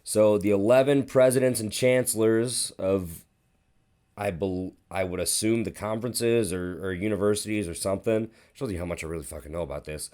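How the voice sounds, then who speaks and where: A man's voice: on the low side, moderate pace. A man hosting a sports podcast, telling stories in a casual, rambling way with plenty of swearing. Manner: profane, rambling, animated storytelling. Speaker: podcast host.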